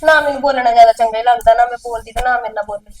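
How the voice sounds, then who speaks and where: A woman's voice: a little high, fairly even intonation, racing, a little mellow, close to an everyday voice. A woman playing a sulky, resentful younger sister who argues with her elder sister. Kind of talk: village short film acting.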